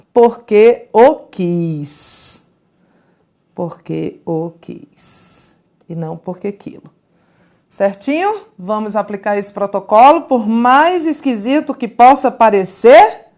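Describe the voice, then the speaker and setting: A woman teaching a grammar lesson, speaking deliberately and putting rhetorical questions to the class. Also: fairly high pitch, a little mellow.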